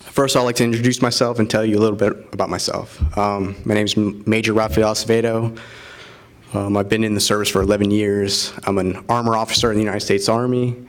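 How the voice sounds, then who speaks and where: Low-voiced earnest man giving a speech. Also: level tone, fast. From Florida. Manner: earnest, with frequent "uh" fillers. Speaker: keynote speaker, army officer. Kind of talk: formal speech at a ceremony.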